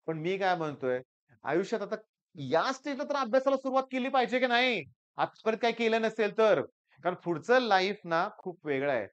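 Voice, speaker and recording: Earnest maths teacher. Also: male voice, high-pitched, clear, resonant tone, lo-fi sound. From Sangli region, Maharashtra. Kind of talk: motivational talk to students.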